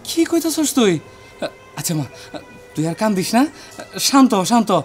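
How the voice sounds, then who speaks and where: A woman voicing a gentle, soothing village father who comforts his young daughter. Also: fairly high pitch, big pitch swings, moderate pace, voice pushed down. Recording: music playing under the voice, heard from off-mic.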